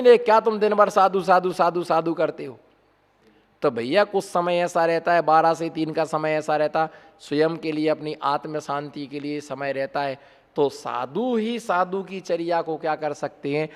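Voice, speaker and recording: A man, a Jain monk, giving a conversational sermon full of rhetorical questions to his listeners. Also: high-pitched. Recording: long hall reverb.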